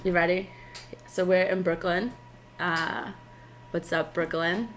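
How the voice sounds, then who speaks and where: A woman's voice: fairly low pitch, steady tone, slow pace, slight background noise. A woman from Queens, hosting a casual chat in an informal, somewhat hesitant way. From Queens, New York. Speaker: show host.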